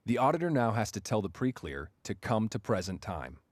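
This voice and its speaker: Lively deep-voiced male narrator. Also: fairly quick, dry recording, studio quality. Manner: clear, explanatory. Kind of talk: scripted instructional narration.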